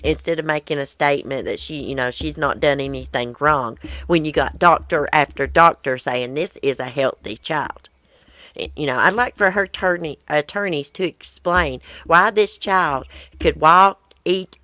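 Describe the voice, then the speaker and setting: Hosting a casual live chat from her outdoor porch, a woman reads viewer comments in a blunt, rambling way. Her voice is low and a bit bright, with a wheezy sound, and the recording is dry.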